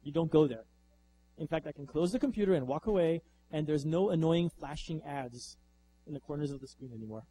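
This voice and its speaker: Male author-lecturer, lively, chatty, slightly high, mellow tone, faint hum. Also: a little fast, rough recording. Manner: lively, conversational, rhetorical questions. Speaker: author giving a talk. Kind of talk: lecture with slides.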